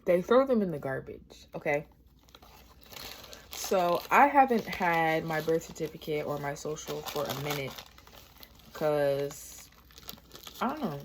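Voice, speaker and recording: Low-pitched American woman talking with mouth full. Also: slight background noise. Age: 20s. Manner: talking with mouth full while eating a sandwich; rambling, sweary, complaining. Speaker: vlogger. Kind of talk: casual storytelling while eating.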